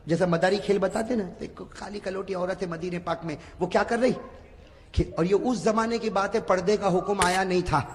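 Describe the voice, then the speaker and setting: A male preacher telling stories in a sermon, swinging dramatically between hushed asides and fervent shouts and asking the audience to repeat after him. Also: high voice, fairly even intonation. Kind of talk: sermon storytelling. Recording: reverberant hall.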